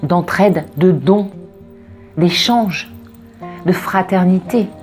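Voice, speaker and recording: A woman reading oracle cards and giving spiritual guidance in a casual, expressive way, wandering off into asides and repeating words for emphasis. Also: fairly low pitch, drawn-out words, faint music behind. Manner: expressive, digressive, emphatic repetitions. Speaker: oracle card reader.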